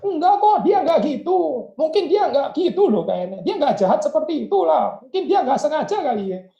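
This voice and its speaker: A man acting out Joseph as a nervous, pleading man who explains away his brothers' wrongs in a high voice. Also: big pitch swings, normal speed, creaky, warm tone, reverberant, highs cut off, heavily acted. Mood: excusing.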